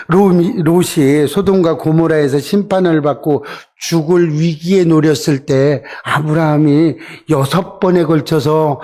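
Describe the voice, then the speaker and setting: A man's voice: on the high side, darkish tone. A middle-aged male pastor preaching a sermon, often asking the congregation questions and acting out quoted lines. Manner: asks the congregation questions, answers with "그죠?"; voices Bible figures in quoted lines.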